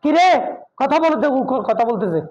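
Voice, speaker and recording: Male madrasa teacher, high-pitched and very slow, barking syllables for a class to repeat over a dull recording. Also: very animated, a little mellow. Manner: drills syllables slowly, calls class to repeat aloud; stern, raises voice on key sounds. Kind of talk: Quran recitation lesson for children. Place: classroom full of children.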